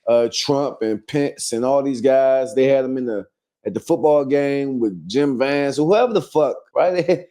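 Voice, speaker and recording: Blunt profane man, dark voice. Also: medium pitch, unhurried. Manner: blunt and profane, rambling with fillers. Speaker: podcast host. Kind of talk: casual chat.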